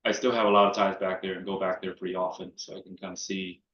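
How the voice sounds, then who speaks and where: A low-pitched man speaks in a halting, casual way, full of fillers as a startup co-founder. The sound is roomy with a lot of echo and comes through dull and lo-fi. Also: little pitch movement, fairly bright tone. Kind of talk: casual panel talk. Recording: echoey, dull lo-fi room sound.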